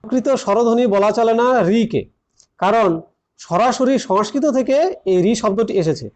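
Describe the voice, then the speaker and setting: A man with a notably high voice works through an exam-prep grammar lesson one step at a time. He repeats the key points and keeps turning to his students as he explains. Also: moderate pace, darkish tone. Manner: addresses students directly. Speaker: teacher.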